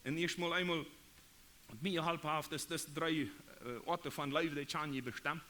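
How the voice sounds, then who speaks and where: A man from Paraguay with a Mennonite Low German accent, preaching a sermon in halting, repetitive phrases. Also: steady tone, pushed and bright, a little hiss or hum.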